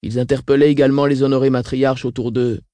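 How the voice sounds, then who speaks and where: A man reading the part of a frail, weakened old woman who speaks flatly and stays unshaken. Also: mid-range voice, fast talker, dry recording, lightly acted. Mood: grim. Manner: flat, unshaken. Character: frail elderly sister, weakened and coughing.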